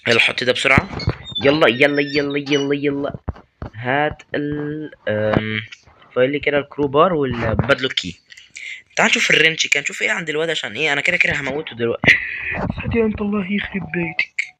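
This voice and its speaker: Young egyptian guy playing a horror game, talks fast and high, yells at the game. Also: background noise. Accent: Egyptian Arabic. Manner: excitable, talks to game characters and swears at them. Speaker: gamer.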